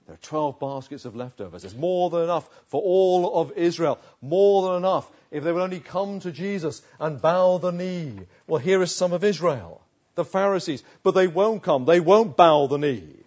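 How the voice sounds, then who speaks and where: A man's voice: on the high side, lively intonation, moderate pace. A man preaching an expository sermon, telling the story dramatically and voicing the people in it. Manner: dramatic storytelling, voicing quoted figures, swings from loud emphasis to soft asides. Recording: dull lo-fi recording.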